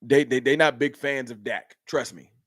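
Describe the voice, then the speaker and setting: A Dallas, Texas man hosts a live sports fan stream, ranting heatedly and arguing with his chat in an animated way. His voice is medium-pitched at a moderate pace. The studio-quality recording has no room sound.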